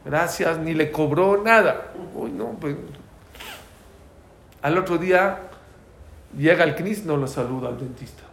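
A man's voice: a little high, a little slow, creaky, pauses often, a bit bright, a little hiss or hum. Man teaching a class in an echoey room. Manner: storytelling, asks the class questions, Hebrew terms. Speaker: religious teacher. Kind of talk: storytelling class lecture.

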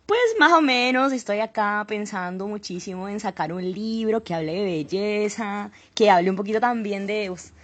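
A woman's voice: medium pitch, normal speed, few pauses, natural voice. A woman putting on a sing-song Cali Colombian celeb. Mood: breezy. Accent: Cali Colombian (put on). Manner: sing-song, laid-back, flattering. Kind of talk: improvised comedy interview.

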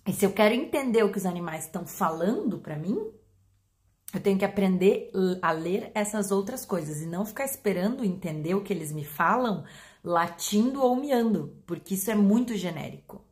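A woman with a Brazilian Portuguese accent, a pet behavior educator explaining to her audience in an animated way, acting out examples. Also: mid-range voice, moderate pace. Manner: animated, acts out examples with voice changes.

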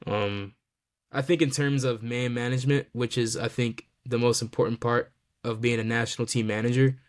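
A man's voice: mid-range voice, fairly even intonation, normal speed. A man hosting a casual sports podcast, talking loosely with lots of fillers and restarts. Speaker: podcast host.

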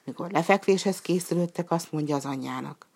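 Her voice is husky and sits on the low side as she reads a folk tale aloud. The delivery is calm, like a bedtime storybook, with a lift in pitch for each character's dialogue.

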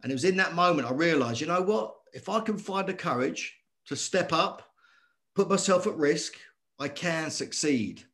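A middle-aged man, a former boxer telling his story as a guest in earnest, animated talk that circles back on itself. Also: a little high, moderate pace. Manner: earnest, animated, repeats himself. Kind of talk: conversational storytelling.

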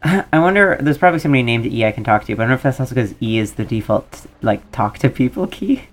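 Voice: medium pitch, expressive, fast. A game player giving casual, musing commentary and reading dialogue choices aloud.

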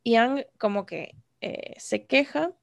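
Mujer rioplatense animada, voz carrasposa. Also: female voice, on the high side, takes it slowly, gravelly, no room sound. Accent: Rioplatense Spanish. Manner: lively, laughs often, acts out quoted lines. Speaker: podcast co-host. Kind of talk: casual chat. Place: home, remote call. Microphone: video call.

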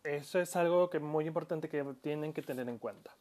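Guy teaching a pronunciation lesson, kinda high voice, slow careful explaining, lots of restarts. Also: darkish tone. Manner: explains slowly, stretching out example words, with frequent restarts; calls himself audio-lesson maker, addresses listeners. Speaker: Japanese language teacher. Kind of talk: spoken language lesson.

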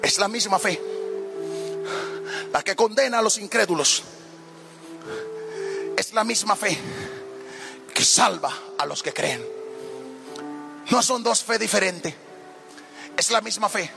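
Fervent high-pitched gravelly preacher man. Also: takes it slowly, pauses often, over music. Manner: fervent preaching, half-sung cadences. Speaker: pastor. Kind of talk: sermon.

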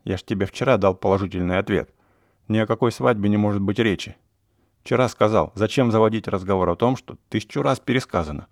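Reader doing a smug young german baron, low gravelly voice, cool and lecturing, dry sound. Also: male voice, fast talker, no room sound, natural voice. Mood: dismissive. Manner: lecturing, coolly dismissive. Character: young plump German baron, cold and calculating.

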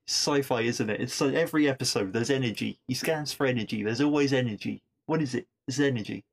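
A man hosting a podcast, casually recapping a TV episode with wry asides and frequent restarts. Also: mid-range voice. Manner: chatty, wry asides, repeats words while thinking. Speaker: podcast host reviewing episodes.

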